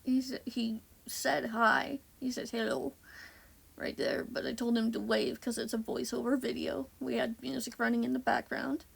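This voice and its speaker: A beauty vlogger records a voiceover at home, her fairly high voice flat and moderately paced, with a gravelly fry since it sounds a bit off today. She rambles casually, corrects herself, and uses lots of ums.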